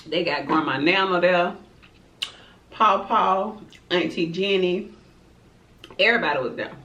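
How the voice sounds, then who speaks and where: A woman's voice: on the low side, a little slow, pushed and bright. A woman telling a dramatic story to her viewers while eating, with chatty asides. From Florida, USA. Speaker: mukbang vlogger. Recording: roomy, distant, dull-sounding home recording.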